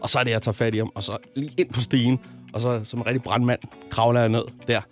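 A man's voice: mid-range voice, flat delivery. Man, thirties, from Zealand, radio host, casual chat, filler-heavy storytelling, faint music behind. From Zealand, Denmark. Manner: storytelling with many fillers and restarts.

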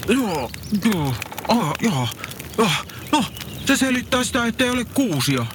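A man's voice: sits high, big pitch swings, background noise. A man playing a bumbling, fretful old Santa Claus who stammers and hesitates, in a comic skit. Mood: puzzled.

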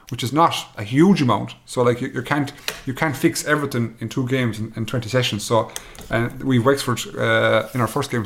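A man's voice: mid-range voice, creaky. A man from Galway with a west of Ireland accent, giving casual sports analysis as a pundit.

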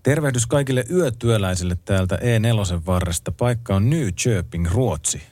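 Low-voiced male radio co-host, dry studio. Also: animated, a little mellow, no echo. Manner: easygoing, reads listener messages aloud. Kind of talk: casual late-night radio chat. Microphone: close studio microphone.

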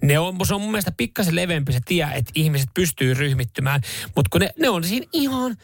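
A man's voice: on the high side, sing-song, dry recording, clean studio sound. A man co-hosting a morning radio show in casual chat, rambling with restarts and casual swearing. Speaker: radio host. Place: radio studio. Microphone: studio microphone.

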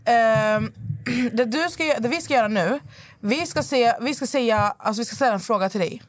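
A woman's voice: on the high side, no room sound. A woman co-host in a casual chat, teasing and chatty as she explains a game.

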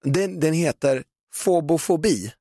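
A man co-hosting a podcast in casual chat, giving short agreeing replies and dry deadpan asides. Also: fairly high pitch, no echo. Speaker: podcast co-host.

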